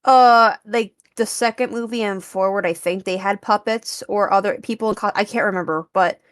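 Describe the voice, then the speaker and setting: A woman's voice: mid-range voice, steady tone, normal speed, dry recording, clean studio sound. A woman co-hosting a podcast, chatting eagerly about films with lots of fillers. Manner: chatty, enthusiastic, many fillers. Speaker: podcast co-host. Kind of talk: casual film discussion.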